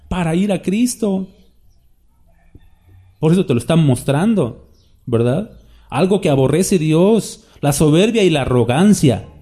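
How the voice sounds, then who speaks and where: A man's voice: a little high, warm tone. A man preaching a sermon in a conversational way, often asking the listeners questions and acting out quoted voices. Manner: acts out quoted voices for examples.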